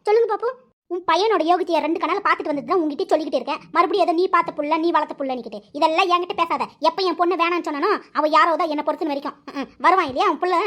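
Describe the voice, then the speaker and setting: A woman voicing a quarrelsome, sharp-tongued middle-aged aunt in a cartoon, scolding and taunting. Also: extremely high pitch. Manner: scolding, rapid-fire taunts. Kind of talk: animated cartoon voice acting.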